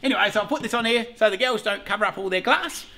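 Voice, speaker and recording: A man's voice: high-pitched, quick pace, sharp tone. A middle-aged Australian man, a beekeeping vlogger, chatting casually and rambling as he swears and laughs beside his observation hive. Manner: chatty, cheerfully profane, rambles with frequent laughs. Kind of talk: casual rambling vlog talk.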